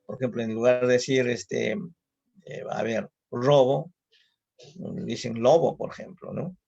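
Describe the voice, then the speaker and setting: A man with a Peruvian accent giving a slow, deliberate lecture, listing example words and often adding a questioning "no?". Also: mid-range voice, level tone, darkish tone. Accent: Peruvian Spanish. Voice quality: gravelly, husky. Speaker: psychologist giving a conference talk. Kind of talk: online lecture. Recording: muffled lo-fi audio.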